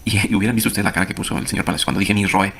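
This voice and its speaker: Fast-talking man, low voice. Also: fairly even intonation, creaky, a bit bright. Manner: rapid storytelling, acts out others' words in a raised voice. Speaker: former congregation member giving testimony. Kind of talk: fast personal testimony.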